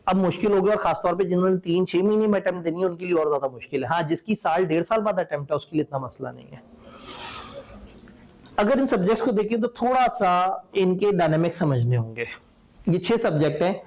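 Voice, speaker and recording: A man's voice: fairly high pitch, a little mellow. A man lecturing accountancy students in a conversational, wry and opinionated way. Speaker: teacher.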